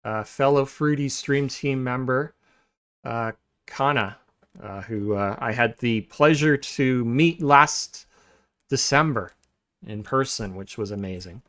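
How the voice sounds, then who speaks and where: A man hosting a podcast in a relaxed, casual chat, pausing often with filler sounds and restarting sentences. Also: medium pitch. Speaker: podcast host.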